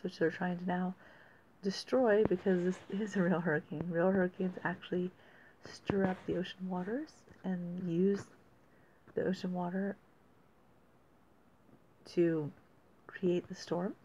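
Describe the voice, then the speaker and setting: A woman giving casual, unscripted commentary as host of an amateur weather report, speaking haltingly and thinking aloud with pauses. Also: on the low side. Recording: dull lo-fi audio with faint noise.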